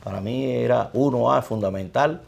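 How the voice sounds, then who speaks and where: Gravelly-voiced Dominican priest. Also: male voice, mid-range voice. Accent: Dominican Spanish. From Dominican Republic. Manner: measured, reflective recounting. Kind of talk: interview.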